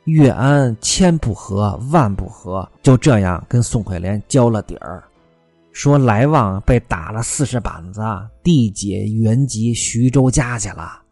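A man narrating a classic tale in traditional storytelling style, lively and with wry asides. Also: lowish voice, a little slow, dry recording, faint music behind.

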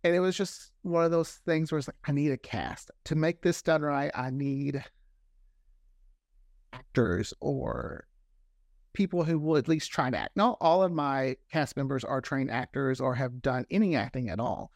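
An audio drama creator, appearing as a guest in an interview, chats casually and tells stories with animation, often acting out quoted remarks. His medium-pitched voice is creaky and moves at a moderate pace. The studio-quality recording is dry.

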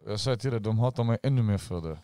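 A man's voice: on the low side, lively intonation, dark tone, no echo, studio quality. A young man in a casual chat who tells stories animatedly, in heavy slang with lots of swearing.

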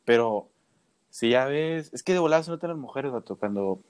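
A man's voice: mid-range voice, fairly quick, clean tone, no room sound. A young man with a Mexican accent chatting casually, telling stories full of slang and breaking into laughter. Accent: Mexican Spanish. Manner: slangy, laughing, animated storytelling. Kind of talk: casual chat.

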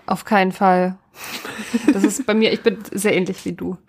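A woman's voice: medium pitch, moderate pace, slightly rough. A woman in her thirties co-hosting a casual podcast, telling stories with lots of laughter. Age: 30s. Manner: animated storytelling, laughs often, mimics voices. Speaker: podcast co-host. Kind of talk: casual chat.

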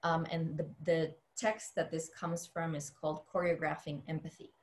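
Low-voiced thoughtful woman from the Dominican Republic. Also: little pitch movement, moderate pace, a little mellow. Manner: thoughtful, many fillers and restarts. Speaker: dance teacher and choreographer. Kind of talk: panel discussion.

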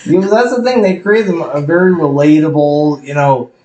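A man's voice: on the high side, moderate pace, darkish tone. A young man in his late twenties talks in a slightly raised voice with a wry, articulate turn of phrase. His words carry a roomy echo, as if from a bare room. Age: 20s. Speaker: podcast guest, actor. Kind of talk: casual chat.

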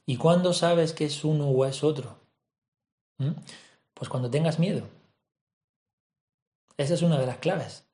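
A man gives a reflective self-help talk as a personal development speaker, speaking calmly and gently and often checking in with a soft "mm?". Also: a little high, unhurried, long pauses. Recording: roomy echo.

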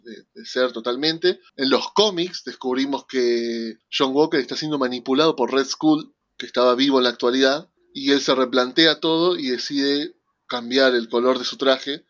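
Excitable Rioplatense man, lo-fi sound. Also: medium pitch. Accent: Rioplatense Spanish. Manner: animated, excitable, switches fast to slow. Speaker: podcast co-host. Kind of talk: casual chat recapping a TV series. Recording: dull lo-fi recording.

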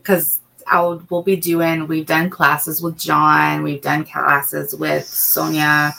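This middle-aged woman, a podcast co-host and assistant, has a deep, creaky, bright voice with a flat, forceful delivery and a slow pace. The audio is poor, and her casual talk wanders, full of ums and restarts.

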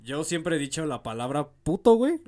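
A man's voice: fairly high pitch, very animated, mellow. A young man with a Mexican Spanish accent, co-hosting a casual podcast chat, rambling and full of slang. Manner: rambling, fast, peppered with slang. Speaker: podcast co-host.

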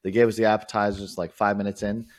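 A man's voice: on the low side, little pitch movement, quick pace. A man co-hosting a podcast, telling stories in a laid-back way and mimicking others. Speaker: podcast co-host. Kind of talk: casual chat.

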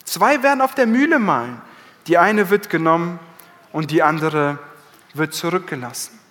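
A man's voice: fairly high pitch, lively intonation, a bit bright. Preaching man in a reverberant hall. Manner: dramatic preaching, slows down for emphasis. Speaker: pastor. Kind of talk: Easter sermon. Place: church hall.

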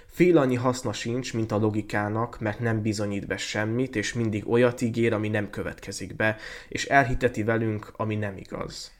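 Brief: fairy-tale youth, hot-headed student, exclaims a lot; reader doing the voice. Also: male voice, lowish voice, fairly even intonation, lightly acted. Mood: indignant. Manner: exclaiming, indignant. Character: impulsive young male student, lovesick then bitter.

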